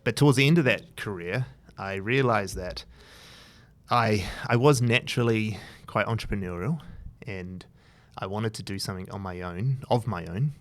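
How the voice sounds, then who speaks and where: A man's voice: lowish voice, moderate pace. A man in his thirties from New Zealand with a New Zealand accent, telling his story in a loose, rambling interview chat full of fillers and restarts. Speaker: guest, entrepreneur. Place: his office.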